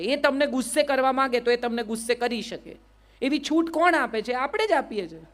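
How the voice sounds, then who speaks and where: High-voiced Gujarati woman giving a motivational talk. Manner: lively, questioning the audience directly. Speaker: public speaker. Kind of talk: motivational speech to a live audience.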